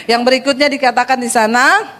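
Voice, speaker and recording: A woman's voice: high-pitched, fairly even intonation, brisk, a bit bright, big-room sound. A woman pastor preaching a sermon, telling funny stories and speaking directly to her congregation. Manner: humorous storytelling, acts out dialogue.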